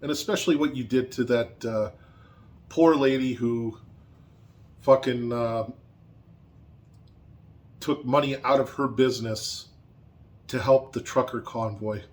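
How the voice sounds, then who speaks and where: A man's voice: medium pitch, fairly even intonation, unhurried, long pauses. A man angrily ranting in a vlog, swearing constantly and repeating points for emphasis. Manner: angry, profane, heated. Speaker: vlogger.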